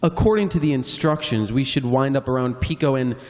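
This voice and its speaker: A man's voice: mid-range voice, fairly quick, a little mellow, close to an everyday voice. A man playing a haughty, sarcastic passenger in a radio play, with a dry, pompous manner. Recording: long hall reverb.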